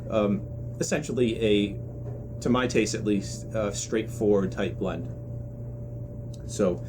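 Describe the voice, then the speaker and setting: A man giving a casual, unscripted review in a measured, deliberate way, often pausing mid-phrase. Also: fairly low pitch, a little mellow. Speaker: pipe tobacco reviewer.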